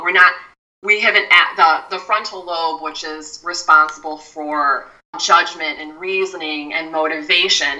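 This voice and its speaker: Low, very bright-toned woman explaining calmly. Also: far from the mic, low-quality recording. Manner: measured, explains step by step with frequent restarts. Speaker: mindfulness expert guest. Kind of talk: explanatory interview talk.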